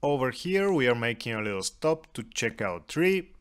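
A man giving calm voice-over narration for a walk with his cat, with a dry, gently humorous manner. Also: medium pitch, normal speed, clear, resonant tone. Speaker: cat vlogger narrating a hike.

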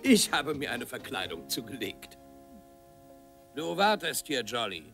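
A man voicing a calm, laconic cowboy hero telling his story matter-of-factly in a dubbed cartoon. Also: mid-range voice, measured pace, vocal fry, full character voice. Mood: calm, assured. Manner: cool, matter-of-fact storytelling. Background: music.

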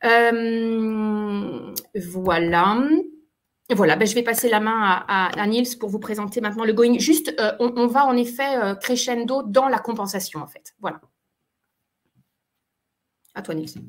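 A woman's voice: fairly high pitch, a little slow, long pauses. Hesitant woman presenting a webinar. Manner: hesitant, frequent fillers, explanatory. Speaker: occupational therapist presenter. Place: webinar call.

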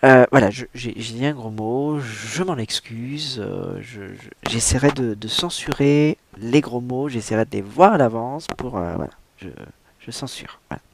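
A man's voice: mid-range voice, a little slow, vocal fry. A man hosting a homemade comic book show, rambling in a hesitant, self-mocking way with frequent fillers and restarts. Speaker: show host reading a book aloud.

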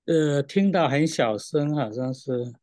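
A man's voice: a little high, a little slow, darkish tone. A man at the venue telling a remote caller how he sounds, hesitant with fillers. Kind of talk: casual exchange.

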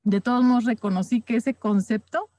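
Woman, mellow tone, fairly high pitch, calm group leader, dry sound. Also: brisk, no room sound. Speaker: Bible study leader. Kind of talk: reflective anecdote in group discussion.

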